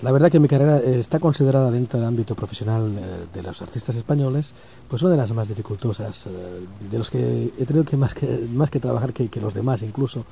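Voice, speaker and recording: Quick-talking Spanish singer in a radio interview. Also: male voice, medium pitch, creaky, mellow, a little hiss or hum, low-quality recording. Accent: Spanish from Spain. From Barcelona, Spain. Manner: modest, friendly, rambling with fillers. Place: radio studio in New York.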